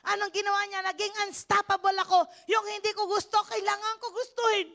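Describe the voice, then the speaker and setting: An older woman from the Philippines preaches at a church service in a very high, bright, forceful voice. She is animated and breaks into shouted praise. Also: a little fast. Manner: animated preaching with shouted hallelujahs and frequent laughter. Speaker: pastor. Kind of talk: sermon.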